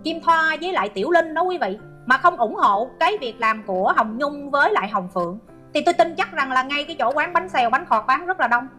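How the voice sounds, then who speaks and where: A woman's voice: sits high, bright, forceful tone. A middle-aged woman hosting an online commentary show, reading out viewer comments and scolding a hater with sarcasm.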